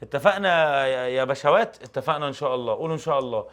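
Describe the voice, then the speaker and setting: A young man with an Egyptian Arabic accent, teaching an exam review lesson in an animated, joking way full of rhetorical questions. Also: mid-range voice, racing. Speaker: English teacher.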